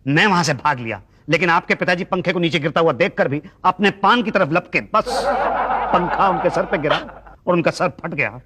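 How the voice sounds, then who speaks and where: An actor playing a polite, long-suffering middle-aged teacher, explaining patiently and deadpan in a sitcom. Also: male voice, on the high side, moderate pace, a little hiss or hum. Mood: earnest. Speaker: history teacher seeking his degree. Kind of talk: sitcom acting.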